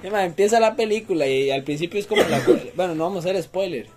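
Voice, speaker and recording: High-voiced Costa Rican young man. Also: fast, music in the background. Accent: Costa Rican Spanish. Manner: joking, animated storytelling with slang. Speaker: podcast co-host. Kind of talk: casual chat.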